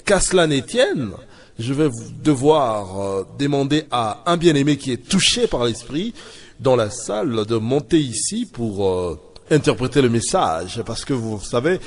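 A man's voice: mid-range voice, sing-song, unhurried. A man doing a hesitant visiting preacher. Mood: polite. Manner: hesitant, lots of fillers, grows exasperated. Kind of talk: sketch comedy acting.

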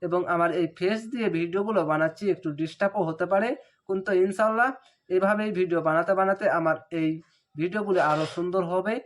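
A man teaching Quran reading, speaking with a Bangladeshi Bengali accent. He spells out the syllables slowly and then chants the whole words. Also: sits high, fairly even intonation. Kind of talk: step-by-step recitation lesson.

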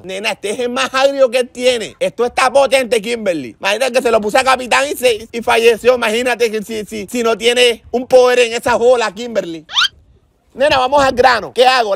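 A man's voice: very high voice, creaky, a bit bright, a little hiss or hum, heavily acted. A man playing a jittery coastal woman on the phone. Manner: chatty, says "nena" every line, gets flustered. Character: nervous superstitious Caribbean woman doing a love spell. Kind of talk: comedy sketch, one side of a phone call.

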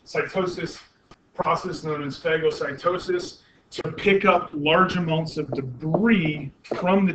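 A man giving a university anatomy lecture, explaining step by step with many fillers and self-corrections and asking the class questions. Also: on the high side. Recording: muffled lo-fi classroom recording with faint noise.

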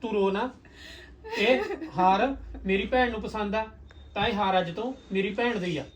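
Man playing a calm protective elder brother. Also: high voice, normal speed, lightly acted. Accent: Punjabi. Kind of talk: Punjabi short film acting.

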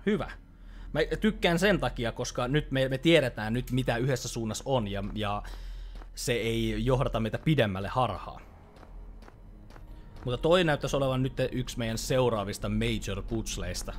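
A man's voice: medium pitch, slight background noise. A young Finnish man commentating a horror game as he plays, chatty and easily startled, swearing when scared. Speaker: let's play host. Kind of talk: live gameplay commentary.

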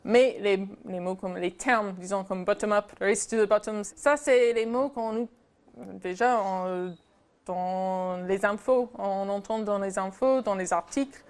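A woman's voice: mid-range voice, measured pace, darkish tone. Hesitant American woman speaking carefully. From United States. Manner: hesitant, searching for words. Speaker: English teacher. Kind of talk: panel commentary.

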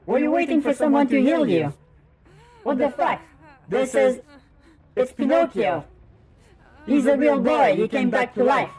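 A man in his thirties streaming a game live over a headset mic, excitable and swearing as he reacts and talks to his chat. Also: very high-pitched. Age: 30s. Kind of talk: gaming livestream commentary. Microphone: livestream headset mic.

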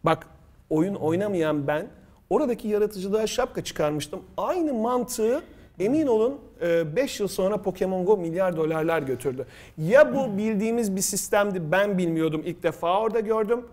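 High-voiced middle-aged male quiz host. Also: animated, normal speed, a little mellow. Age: middle-aged or older. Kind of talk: casual storytelling and quiz hosting. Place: studio table, indoors.

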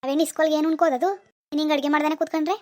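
A woman's voice: high voice, steady tone, very fast, a little mellow, dry recording, studio quality, lightly acted. Woman voicing a grumpy nagging village husband. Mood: scolding. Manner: scolding, bossy. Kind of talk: cartoon dialogue.

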